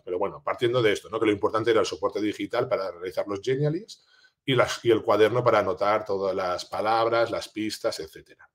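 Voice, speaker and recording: A man with a fairly low voice talks like a teacher walking colleagues through a class project. He speaks informally and often checks in with little tag questions. He restarts and repeats words as he thinks aloud. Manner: informal, with many fillers like ¿vale? and ¿no?. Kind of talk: explaining a classroom project in a talk.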